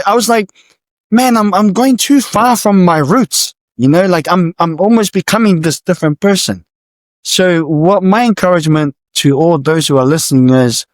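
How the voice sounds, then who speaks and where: A man's voice: fairly high pitch, dry recording. A man who grew up in Samoa and New Zealand, a guest entrepreneur on a podcast, speaking earnestly and encouragingly in casual interview talk. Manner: earnest, encouraging, repeats words.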